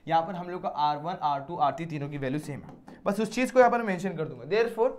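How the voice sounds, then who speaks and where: High-voiced male maths teacher. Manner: explains step by step, often quizzing students. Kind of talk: classroom lecture.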